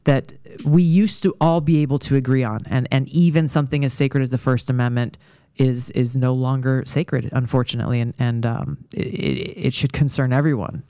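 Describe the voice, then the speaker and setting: Measured male podcast guest with a smooth, clear voice and a dry, close sound. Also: medium pitch, mellow, no room sound. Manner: measured, with hesitant restarts before long points. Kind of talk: political discussion.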